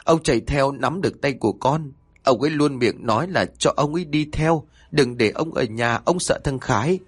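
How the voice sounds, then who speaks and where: A man's voice: mid-range voice, animated, a little fast, husky, no room sound. A man voicing a terrified young wife who stammers and pleads through tears in a horror story. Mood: tearful confessing. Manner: sobbing, stammering pleas.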